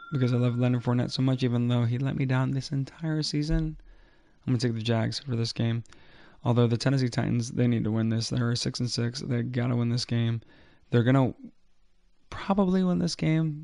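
A man gives casual, slangy fantasy football commentary on his own podcast. His voice is mellow and creaky, recorded close and dry. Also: medium pitch, no echo. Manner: informal, slangy. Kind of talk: casual solo sports commentary.

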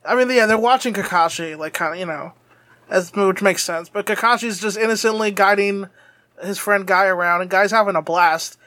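A man's voice: high voice, moderate pace, pushed and bright, no echo. A young man co-hosting a podcast, chatting casually and animatedly, laughing often and swearing freely. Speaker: podcast co-host. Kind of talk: casual anime recap chat.

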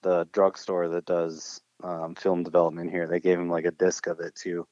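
Deep-voiced laid-back young man. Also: completely flat delivery, normal speed, darkish tone, no echo. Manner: laid-back, slangy, laughs often. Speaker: podcast host. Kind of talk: casual chat. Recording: muffled dull sound.

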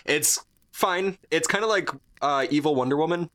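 A man's voice: on the high side, moderate pace, a bit bright. A man co-hosting a podcast, chatting casually in a rambling, jokey way full of fillers and restarts. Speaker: podcast co-host. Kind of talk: casual chat.

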